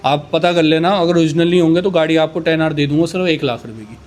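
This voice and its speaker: A man pitching used superbikes in a casual, boastful way, rattling off price countdowns. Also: fast, a little mellow.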